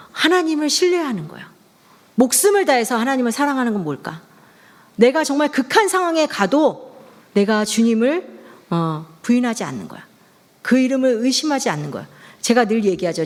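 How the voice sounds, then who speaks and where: A middle-aged woman preaching a sermon in a conversational, storytelling way. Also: medium pitch. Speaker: pastor's wife preaching.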